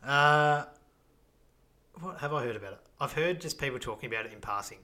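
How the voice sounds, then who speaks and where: A man co-hosting a casual podcast, speaking softly and hesitantly, with fillers. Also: medium pitch, expressive, rapid-fire. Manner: soft-spoken, hesitant, with fillers. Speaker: podcast co-host. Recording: echoey room, faint noise.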